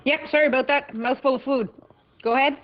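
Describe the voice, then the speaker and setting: A trucker calls out over a CB-style push-to-talk radio channel, short and clipped, tagging handles and signing off with "over". The line sounds muffled and lo-fi, with steady vehicle rumble underneath. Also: brisk. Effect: CB-style radio call over a push-to-talk channel. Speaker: convoy trucker.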